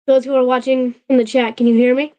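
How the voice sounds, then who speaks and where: Hosting a laid-back livestream, a woman speaks in a high-pitched, warm voice with a level tone. She stops and restarts frequently and keeps checking in with her chat, and her voice is a little off from a healing sore throat.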